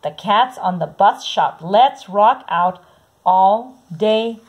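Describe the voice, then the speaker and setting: Slow, husky woman reading a picture book. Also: medium pitch, animated. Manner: slow, sing-song read-aloud with soft repeated sounds. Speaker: storybook reader.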